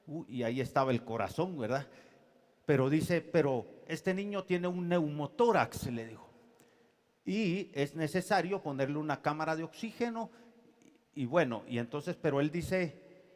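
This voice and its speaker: Pastor preaching in a reverberant hall. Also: male voice, fairly high pitch. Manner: swings from loud preaching to quiet storytelling. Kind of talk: sermon. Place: church.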